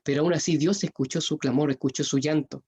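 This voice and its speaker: A man with a Chilean accent preaching a sermon, earnest, rising in pitch and force when he appeals to parents. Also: steady tone, fairly quick, darkish tone, husky.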